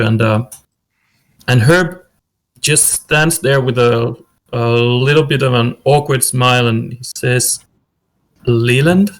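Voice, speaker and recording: A man narrating a scene in a tabletop game, halting and repeating his words. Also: medium pitch. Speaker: player. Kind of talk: tabletop role-play narration.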